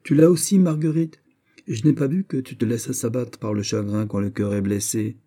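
A man's voice: mid-range voice, moderate pace, dark tone, natural voice. A man reading an audiobook voices a proud young widowed marquise who defends herself with indignation. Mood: reproachful.

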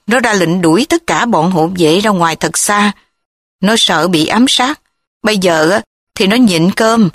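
A woman's voice: mid-range voice, no room sound, studio quality, lightly acted. A woman voicing a worried old grandfather who talks in an anxious, pleading way.

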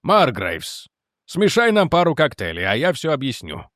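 A tired, steady general speaks in a lowered, measured voice, as a male audiobook narrator puts him on. The reading stays close and dry. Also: dry recording. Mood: weary calm. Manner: calm, measured, low delivery. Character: weary, calm middle-aged male general.

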